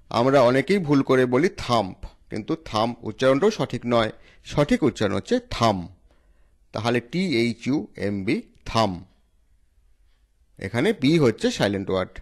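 A man with a Bengali accent hosts a pronunciation lesson, spelling English words letter by letter and then repeating the correct form. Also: medium pitch. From India. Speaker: English teacher and channel host.

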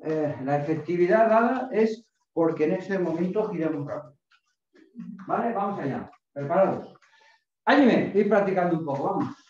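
A man's voice: high-pitched, animated, normal speed, darkish tone. Middle aged guy barking karate drills like a gym coach, far from the mic in an echoey room, voice jumps all over. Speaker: karate instructor. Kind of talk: karate class instruction with counting and commands. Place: small home dojo with mats, indoors. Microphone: far camera across the room. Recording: distant echoey dull room recording, faint noise.

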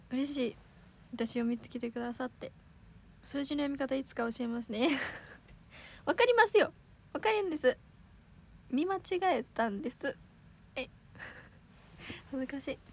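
A teenage girl with a Kansai accent, hosting a casual livestream, chatty and giggly, reading comments aloud and correcting herself quickly. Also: high-pitched, vocal fry, darkish tone, husky. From Osaka, Japan. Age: teens. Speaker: idol livestream host.

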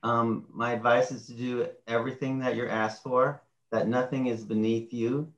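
A man's voice: medium pitch, little pitch movement, moderate pace, fairly bright tone. A man on a video call panel giving direct, plain-spoken advice. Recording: roomy, dull video call audio.

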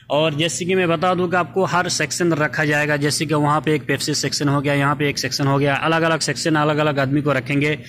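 A man talks viewers through his shop-floor job in a casual, chatty vlog, leaning on the same little fillers again and again. His voice sits a bit higher than most men's. A phone picks him up in the aisles, with faint store ambience underneath. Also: a bit bright, a little hiss or hum. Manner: chatty, frequent filler "theek hai" and "doston". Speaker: vlogger showing his supermarket job. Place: supermarket aisles, indoors.

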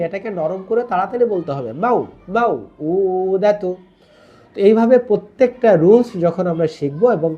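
A man from Bangladesh gives an online Quran lesson in a fairly high voice. He explains tajweed rules patiently, demonstrating each Arabic word by drawing out its long vowels and dropping English terms into his talk. The recording sounds a little dull and lo-fi. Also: a little mellow. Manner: mixes English words into explanation.

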